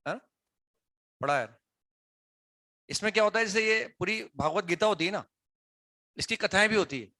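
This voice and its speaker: A man teaching a class talks conversationally, quizzing students and repeatedly checking they're following, tagging sentences with "है ना." His voice runs on the high side, pushed and bright, with no room sound.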